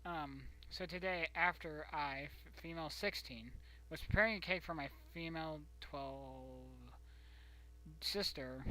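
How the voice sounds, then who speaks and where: A streamer reading a post aloud and commenting in a loose, rambling way, dropping into whispered mutters between sentences. The voice is bright and forward, sitting at a middle pitch. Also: poor audio.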